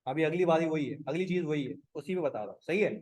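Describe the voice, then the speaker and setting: A man teaching an accounting class with a high voice. He is animated, acts out client conversations and keeps quizzing the room. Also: fast talker. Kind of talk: classroom lecture.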